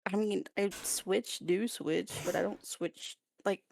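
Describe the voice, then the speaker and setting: A woman guest in a casual podcast chat, giggly and halting as she searches for words. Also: medium pitch, steady tone, vocal fry, a little mellow, slight background noise.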